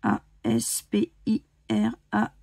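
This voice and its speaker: A woman's voice: takes it slowly, mellow, dry recording. A woman from France chatting casually as she scratches lottery tickets, spelling out letters one by one with many hesitations. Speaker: scratch-card YouTuber. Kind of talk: casual commentary while playing scratch cards.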